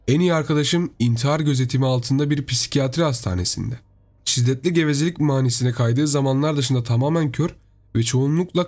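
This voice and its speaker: A man narrating a horror story in a steady, storytelling delivery. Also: medium pitch.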